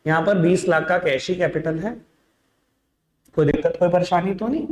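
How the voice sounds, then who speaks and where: Male teacher, slightly high voice, encouraging classroom delivery in an echoey room. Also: normal speed, a little mellow. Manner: coaxing, addresses students as beta and babu. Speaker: accounts teacher. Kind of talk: classroom lecture.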